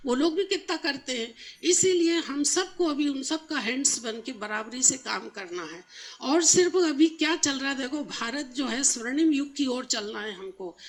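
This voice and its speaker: A woman spiritual teacher giving a talk to a live audience, often putting rhetorical questions to them. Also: sits high. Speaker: Brahma Kumaris spiritual teacher.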